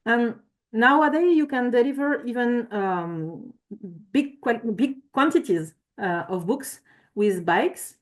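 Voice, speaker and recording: A woman presents at a conference, walking through slides in a hesitant way, full of fillers and corrections of her own words. Her voice sits a little higher than most women's. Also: lively intonation, slow.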